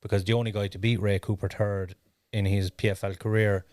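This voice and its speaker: A man co-hosts in a relaxed, animated chat. His voice is low, and the sound is dry and close with no room echo. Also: brisk. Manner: animated, laughs often. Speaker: podcast co-host. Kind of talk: casual chat.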